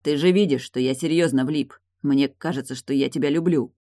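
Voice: medium pitch, fairly quick, mellow, dry recording, clean studio sound, close to an everyday voice. A reader voicing a frustrated man who keeps pressing for answers in an audiobook dialogue. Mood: pleading.

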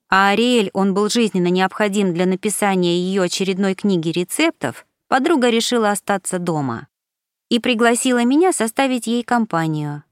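A female audiobook narrator with a mid-range voice reads a first-person story in a measured, expressive way. The recording is dry and clean, with studio sound.

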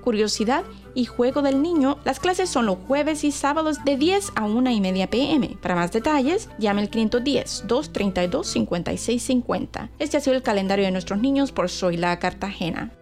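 A woman reading a community event calendar on the radio in a brisk announcer manner. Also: a little high, expressive, darkish tone. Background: faint music bed.

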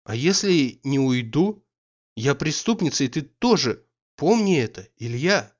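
A man's voice: fairly high pitch, sing-song, measured pace, dull audio. A man voicing a proud, hurt young noblewoman who speaks coolly and with reproach. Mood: sad.

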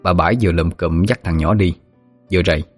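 A man narrates a ghost story in a very deep voice, telling it vividly. Faint music plays softly underneath. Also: quick pace, slightly rough, no room sound.

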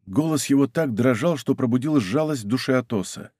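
A man reading an adventure novel aloud in measured, dramatic scripted narration. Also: medium pitch, a little mellow, husky, dry recording, studio quality. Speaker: audiobook narrator.

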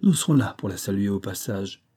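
A stubborn, daring hunting captain, read by a male narrator in an audiobook. He speaks in firm, commanding bursts through a husky, dark voice. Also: fairly low pitch, expressive, fairly quick. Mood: resolute. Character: bold, stubborn middle-aged hunting captain.

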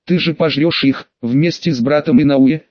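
A man narrating a first-person audiobook in a plain, steady reading voice, voicing the lead's outbursts with exclamation. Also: a little high, moderate pace, no echo. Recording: dull, muffled dry recording.

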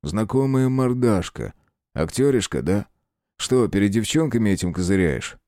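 A man's voice: on the low side, expressive, moderate pace, mellow, no room sound, clean studio sound, natural voice. A man voicing a broad-browed young male thug in an audiobook, drawling, mocking and smug. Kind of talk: audiobook character voice.

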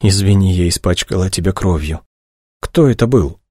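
Male reader doing a quiet, tender young woman, dry close sound, audiobook. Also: low-pitched, moderate pace, dry recording. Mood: shaken. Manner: soft, gentle, quiet.

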